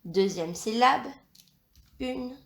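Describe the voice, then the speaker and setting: A woman teacher giving a dictation lesson, slowly spelling out sounds and letters. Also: fairly high pitch, lively intonation, vocal fry, a bit bright, roomy sound. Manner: slow, carefully spelled-out instruction.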